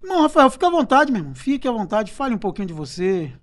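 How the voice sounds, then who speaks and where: Guy from brazil hosting a church podcast, high voice, talks in loops with lots of "né". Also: sing-song, rapid-fire. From Cubatão, Brazil. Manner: rambling, many fillers and restarts. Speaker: podcast host. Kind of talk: casual church podcast chat.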